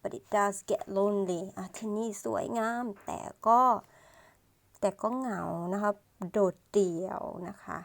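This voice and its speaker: A woman's voice: medium pitch, vocal fry. A woman, reading an English storybook aloud line by line and patiently explaining each part as a teacher. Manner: slow, patient, ends phrases with polite particles.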